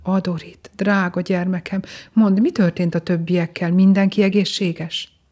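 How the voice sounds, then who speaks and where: A woman's voice: fairly low pitch, level tone, dark tone, close to an everyday voice. Woman reading as a tender captive queen. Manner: tender, pleading. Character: loving captive queen, mother, emotional.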